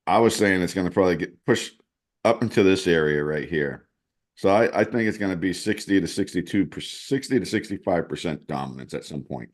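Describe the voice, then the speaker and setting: A male co-host with a low, darkish voice walks through charts on a shared screen during a relaxed crypto discussion. As the show's chart analyst, he thinks out loud and restarts repeatedly.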